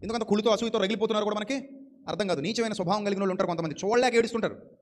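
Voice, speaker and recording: Fast, high-voiced man preaching a sermon. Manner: fervent, rhetorical questions and repetition.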